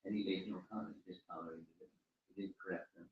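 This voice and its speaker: A fairly low-voiced man gives an informal religious talk and fields questions, often repeating and restarting his words. He is heard from some distance in a very echoey room. The sound is dull and muffled. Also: fairly even intonation, quick pace, a little hiss or hum. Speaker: spiritual teacher answering questions. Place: room at a home gathering. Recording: roomy, distant, dull recording.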